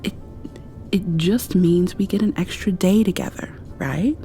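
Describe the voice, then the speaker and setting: In an ASMR roleplay, a woman with a fairly low-pitched voice drifts between whispers and soft speech, speaking a little slowly. She's affectionate and playfully scolding, with slight background noise.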